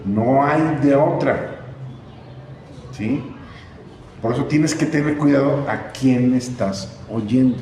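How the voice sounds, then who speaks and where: A man's voice: medium pitch, slow, long pauses, darkish tone. Man preaching in an echoey hall. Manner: emphatic preaching with rhetorical questions and repeated words. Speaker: pastor. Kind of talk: sermon. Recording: echoey hall with background noise.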